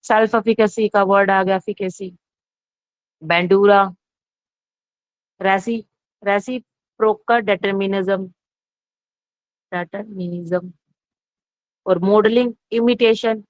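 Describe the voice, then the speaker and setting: A woman teaching in a casual lecture, stopping to correct herself and asking and answering her own questions. Her voice sits at a middle pitch, close to the mic and dry, with a dull lo-fi sound. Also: fairly even intonation, a little slow, long pauses, no echo. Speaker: psychology teacher. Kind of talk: exam-prep lecture, casual Hindi-English mix.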